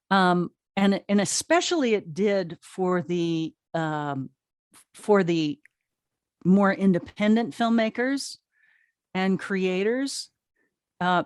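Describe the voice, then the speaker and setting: A woman answers interview questions conversationally, enthusiastic, emphatic and informal; she's a co-founder of an audio drama streaming service. Her voice is lowish with a darkish tone, captured in a dry, studio-quality recording.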